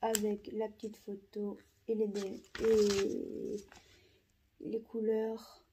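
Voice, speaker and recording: A woman giving casual unboxing commentary in a halting, soft-spoken way, with many fillers and repeated words. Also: medium pitch, completely flat delivery, noisy background. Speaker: vlogger.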